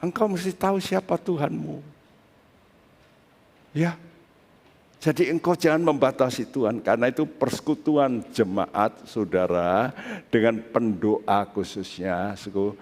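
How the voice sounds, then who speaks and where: A male pastor preaching a sermon in a relaxed, conversational way that breaks into excited high bursts. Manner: slow, conversational preaching with sudden excited rises. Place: church sanctuary. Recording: long reverb of a large hall.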